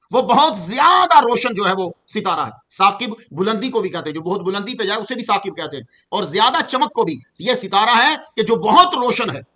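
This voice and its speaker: A middle-aged man from Pakistan giving a Quran commentary lesson, explaining at an easy pace and slowing down to chant the Arabic verses. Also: sits high, pushed and bright. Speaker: Quran teacher.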